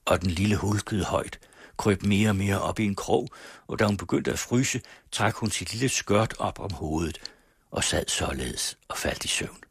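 A man narrates a storybook with a low, husky voice, reading in a measured, even way. The sound is dry and close. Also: no room sound. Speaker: audiobook narrator. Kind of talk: scripted narration of a classic story.

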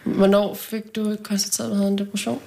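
A woman's voice: medium pitch, level tone, creaky, mellow. A woman speaking frankly and reflectively in a casual conversation, often ending phrases with a question tag. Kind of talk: casual chat.

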